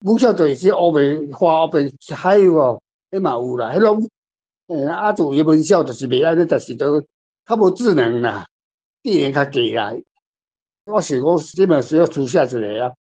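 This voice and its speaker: Speaking as a guest author in a casual literary talk, an older man with a Taiwanese accent rambles through anecdotes about his story and repeats phrases. His voice is a little high, animated and a little mellow, with a moderate pace.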